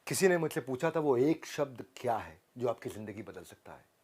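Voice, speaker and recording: A man in an energetic, dramatic sales pitch, full of punchy slogans and rhyming lines. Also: normal speed, slightly rough. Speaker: motivational speaker.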